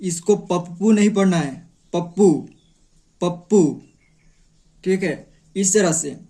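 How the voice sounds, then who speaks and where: A man's voice: high-pitched, unhurried, dark tone. A man teaching how to read and write Hindi letters, patiently repeating each sound and syllable aloud. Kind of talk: slow step-by-step lesson.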